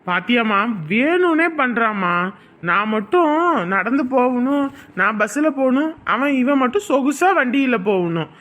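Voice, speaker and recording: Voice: mid-range voice, animated, a bit bright, close to an everyday voice. A performer playing a whiny jealous elder son. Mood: grumbling. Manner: whiny, bickering, quick to blame. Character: jealous, complaining young man, elder son. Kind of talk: family comedy sketch acting.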